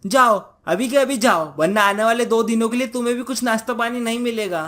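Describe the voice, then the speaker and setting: Scolding village wife, raised high voice, played by a male narrator. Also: a little fast, fairly bright tone. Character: nagging village wife, young adult, sharp-tongued.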